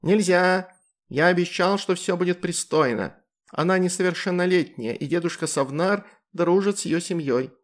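A man voicing a small horned male imp, high and strained. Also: normal speed, natural voice. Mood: urgent.

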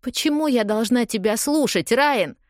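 A woman's voice: mid-range voice, animated, measured pace, no echo, clean studio sound, voice pushed up, close to an everyday voice. A woman voicing a hurt, accusing young woman. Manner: raised, pleading, accusing. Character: upset young woman confronting her lover. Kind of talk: audiobook dialogue reading.

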